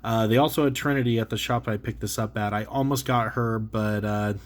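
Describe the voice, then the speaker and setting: Brisk and fairly even in intonation, this lowish male voice comes with a slight hiss or hum and the stuffiness of a cold. The speaker, a channel host who reviews toys, chats casually through an action figure unboxing, rambling, using lots of fillers and restarting to self-correct.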